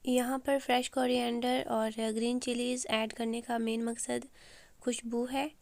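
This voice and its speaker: A woman hosting a cooking channel, talking through a recipe step by step with a hoarse, sore throat and frequent pauses. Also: a little high, darkish tone, no echo. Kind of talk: recipe voice-over.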